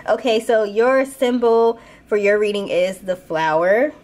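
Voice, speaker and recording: A woman's voice: medium pitch, steady tone, measured pace, a little mellow. Woman, blocked nose, congested mouth-breathing sound, casual tarot reader. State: stuffed nose from sinus infection, breathing through mouth. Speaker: tarot reader and channel host. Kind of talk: casual spoken card reading.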